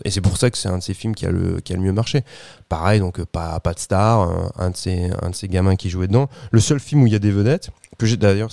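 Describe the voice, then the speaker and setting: A man's voice: fairly low pitch, creaky, dark tone, dry recording. A man chatting casually about cinema as a podcast host, rambling with frequent restarts and fillers. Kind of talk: casual film discussion.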